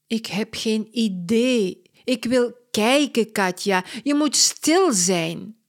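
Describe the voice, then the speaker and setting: A woman voicing an impatient girl who wants quiet to watch television, read slowly from a storybook. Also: on the high side, animated, voice pushed up. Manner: impatient, sharp, exasperated. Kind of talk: slow storybook reading.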